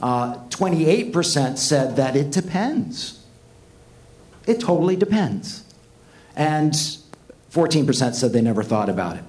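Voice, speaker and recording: A man's voice: a little high, very animated, a little slow, long pauses, darkish tone. Earnest man preaching to students. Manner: earnest, emphatic, rhetorical questions. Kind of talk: sermon.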